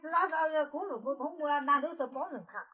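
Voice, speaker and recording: A woman's voice: high-pitched, fairly quick, pushed and bright, dull audio. A woman of about seventy from rural Sichuan, chatting casually in Sichuan dialect with plain, colloquial short answers. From rural Sichuan, near the Guizhou border. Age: around 70. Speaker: villager being interviewed. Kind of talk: casual chat.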